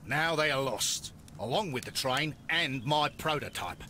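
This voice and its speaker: A man's voice: fairly high pitch, expressive, unhurried, pushed and bright, a little hiss or hum. An actor playing a pompous, self-important male businessman and inventor in a video game.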